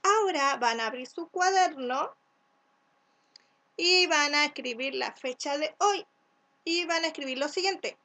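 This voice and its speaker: A woman from Chile gives a recorded lesson to first graders. Her voice sits high, and she talks at an unhurried pace. She sounds out each letter and syllable carefully and keeps checking that the children follow. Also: animated, sharp tone. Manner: asks "¿cierto?" to check along. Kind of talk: recorded remote class instructions.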